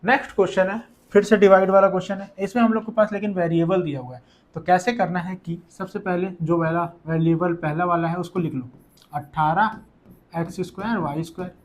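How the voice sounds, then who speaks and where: A young man teaching school maths for exams in a quick, chatty way, repeating each step. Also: sits high, steady tone. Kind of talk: exam-prep maths lesson.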